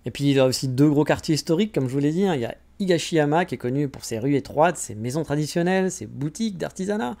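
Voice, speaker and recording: Talking fast with few pauses, this French podcast host rambles about travel and teases himself in a chatty way. His fairly high voice is animated and gravelly, with a darkish tone.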